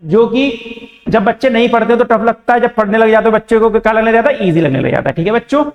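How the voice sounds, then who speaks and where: High-voiced man teaching math in an echoey room. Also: animated, fast talker, muffled recording. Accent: Indian. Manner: asks the class questions and answers them himself. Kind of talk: board-exam math lesson. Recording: echoey room with long reverb.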